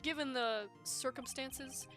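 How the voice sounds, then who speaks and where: A woman's voice: high voice, fairly bright tone, faint music behind. A woman reading a stern old judge. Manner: formal, measured. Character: stern older male judge.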